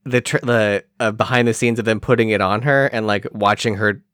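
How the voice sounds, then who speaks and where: A man's voice: on the low side, fairly even intonation, fairly quick, a bit bright, no room sound, clean studio sound. A man co-hosting a podcast, riffing jokily about a film and acting out lines. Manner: riffing, jokey, acts out lines. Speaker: podcast co-host. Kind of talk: casual film chat.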